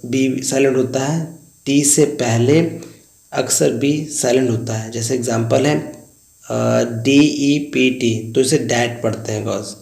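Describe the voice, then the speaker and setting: A man's voice: medium pitch, steady tone, takes it slowly, gravelly, darkish tone, roomy sound. A man teaching an English lesson in Hindi, spelling words letter by letter and saying "guys" often.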